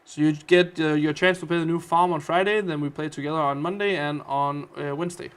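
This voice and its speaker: A man's voice: on the high side, fairly even intonation, fairly quick, clear, resonant tone. A man with a Danish accent hosting a casual gaming livestream, chatty and playful as he reads out and answers viewer comments. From Denmark. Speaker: livestream host.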